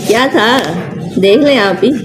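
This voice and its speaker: A woman teaching a tafseer lesson, often asking her students questions and repeating key words slowly. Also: on the high side, noisy background. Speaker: Quran teacher.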